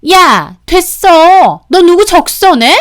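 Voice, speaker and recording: Woman putting on a shrill scolding sister-in-law. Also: expressive, normal speed. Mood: yelling. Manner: scolding, sneering. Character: shrill demanding middle-aged sister-in-law.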